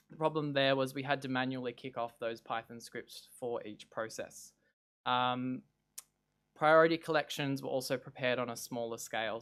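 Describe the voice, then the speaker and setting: A man's voice: medium pitch, fairly bright tone. Man giving an informal talk. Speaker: presenter, digital preservation specialist. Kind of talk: informal lightning talk presentation.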